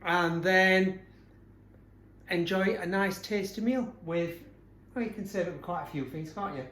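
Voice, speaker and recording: Chopping away in a home kitchen, a cooking show co-host chats and teases his partner. His voice sits high and a bit bright, with a slightly slow delivery. Echo, background noise, and chopping sounds fill the recording.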